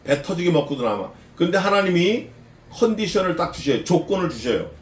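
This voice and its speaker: A man preaching an expository sermon as a pastor, lively, questioning the congregation and mixing in casual slang. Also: high-pitched, a little fast, reverberant. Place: church sanctuary.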